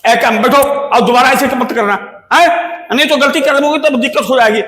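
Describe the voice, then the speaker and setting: An exasperated village schoolmaster, stammering and half-laughing as he scolds his pupils. His voice sits high, and the room around it is echoey. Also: a little fast, fairly bright tone. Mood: scolding. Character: flustered, exasperated village schoolmaster, middle-aged man. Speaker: village teacher. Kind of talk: rustic slapstick comedy sketch.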